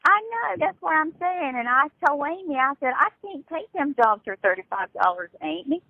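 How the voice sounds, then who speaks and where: Woman, prison phone call, tinny narrow line, high pitched, chatty, stammery repeats. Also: animated, normal speed, gravelly, no room sound. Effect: heard over a prison phone line. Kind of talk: casual phone chat.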